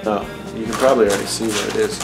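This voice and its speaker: In his forties, a tech YouTube host talks to viewers in a wry, chatty, casual manner while unboxing something in a room at home. He races along in a lowish voice with fairly even intonation, and the recording is echoey with faint music.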